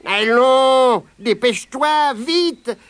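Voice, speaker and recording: A man voicing a fussy, impatient rabbit from a children's storybook, high and hurried. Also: expressive, fairly bright tone, exaggerated voice. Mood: urgent.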